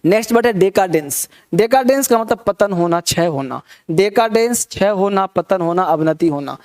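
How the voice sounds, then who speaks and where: A man's voice: sits high, lively intonation, normal speed, darkish tone. A man teaching a vocabulary lesson, repeating words in rhythmic drills and leading the class in call-and-response. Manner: repetitive rhythmic drilling of word tricks.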